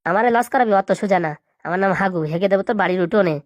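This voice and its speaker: Woman putting on a grumpy scheming stall guy, lowered voice, talks fast. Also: no room sound, highs cut off, lightly acted. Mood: boastful. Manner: gruff, boastful, scheming. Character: grumpy scheming male fair stall-keeper.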